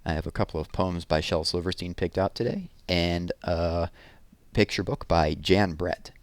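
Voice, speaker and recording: A man reads children's poems and picture books aloud, expressive and deliberate, adding conversational asides. His voice sits low, and there's no room sound.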